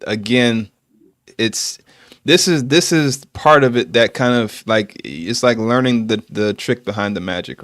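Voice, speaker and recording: Casting: male podcast host, calm explainer, mid pitch, dry close recording. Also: no echo. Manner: explanatory, measured, with many fillers. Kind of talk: casual livestream chat.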